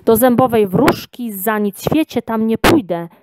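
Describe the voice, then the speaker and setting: A woman's voice: on the high side, lively intonation, moderate pace, darkish tone, no room sound, studio quality, voice pushed up, lightly acted. A woman voicing a frightened, tearful little girl in a storybook reading, with whiny, pleading speech. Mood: upset.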